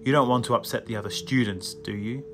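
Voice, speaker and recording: A man voicing a stern, cold male schoolteacher who speaks in a clipped, low tone, with music underneath. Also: fast, lightly acted.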